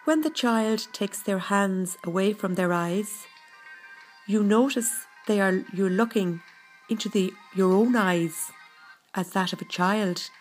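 Female meditation narrator: gentle, calming read, very unhurried pacing, faint music bed. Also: medium pitch, poor audio. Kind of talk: scripted guided meditation narration. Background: background music.

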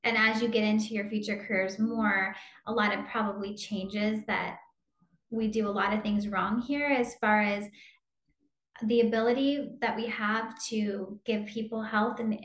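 A woman's voice: fairly high pitch, echoey room. A woman interviewing medical students, encouraging them with questions.

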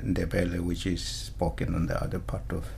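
A man from Zimbabwe with a low, gravelly voice speaks as a podcast guest. He explains in a measured, halting way, and his pitch barely moves. A faint hiss sits under the recording. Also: completely flat delivery, darkish tone. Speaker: guest artist. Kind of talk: podcast interview.

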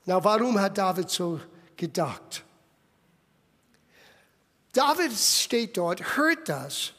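A man preaching a sermon as lively storytelling, dropping English phrases into his German and bursting into loud exclamations. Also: high voice, slow. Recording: long echoey hall reverb.

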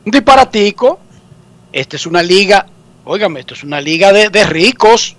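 A man's voice: sits high, lively intonation, moderate pace, a bit bright. A man with a Dominican accent hosting a sports radio show, joking and theatrical. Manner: joking, theatrical mock sobbing. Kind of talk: comic sports talk radio.

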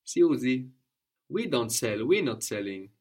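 Male tutor, mid pitch, patient drilling style, repeats and corrects. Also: sing-song, a little slow, a little mellow, slightly rough. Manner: patient, prompting questions and repeating answers. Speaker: language teacher. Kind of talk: one-on-one language lesson.

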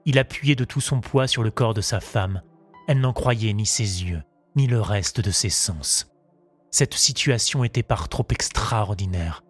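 A man narrating a literary audiobook in a measured, intimate reading. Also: on the low side, slightly rough.

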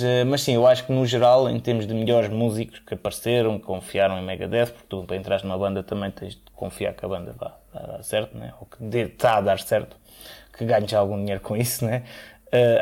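A man's voice: fairly low pitch, creaky, warm tone. A man with a European Portuguese accent, co-hosting a podcast in casual, rambling chat with many fillers. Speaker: podcast co-host.

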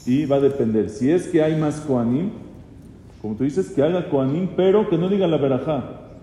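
Dark-voiced rabbi teaching. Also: male voice, a little high, fairly quick. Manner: questions the class, repeats key phrases, mixes in Hebrew terms. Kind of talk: Torah law lesson to students. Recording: echoey hall with long reverb, faint noise.

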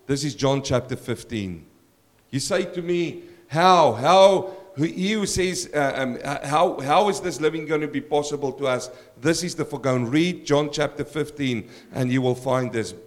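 A man with a croaky voice preaching a sermon as a pastor, putting direct questions and appeals to his listeners. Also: mid-range voice, normal speed.

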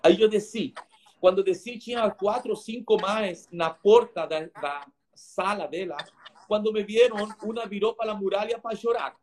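Male pastor guest, high voice, emotional halting testimony. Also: a little mellow. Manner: halting, repeats words for emphasis.

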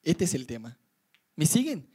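A young man with a Rioplatense Spanish accent preaching an animated sermon to youth, acting out his stories and inner thoughts. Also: normal speed, slightly rough. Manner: lively storyteller, voices his own inner thoughts in high pitch. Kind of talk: animated sermon with acted-out anecdotes.

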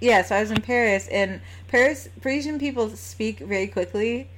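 A woman's voice: fairly high pitch, moderate pace, slight background noise. Chatty American woman in casual conversation. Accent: standard American. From United States. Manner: informal, chatty, laughs easily while talking. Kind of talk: casual chat.

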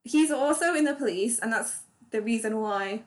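A woman chats on a podcast in a slightly high voice. She rambles through her points, padding them with fillers and restarting her sentences as she goes. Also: moderate pace. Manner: chatty, many fillers and restarts. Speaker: podcast co-host. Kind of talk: casual chat.

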